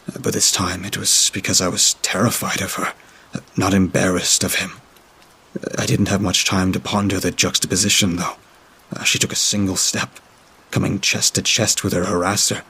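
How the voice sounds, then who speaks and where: A man reading a horror story aloud in a dry, steady storytelling manner. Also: deep voice, moderate pace, husky. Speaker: narrator.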